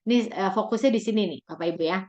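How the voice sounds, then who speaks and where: A woman giving a lively parenting talk. She speaks often straight to the parents and mixes English words into her speech. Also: mid-range voice, rapid-fire.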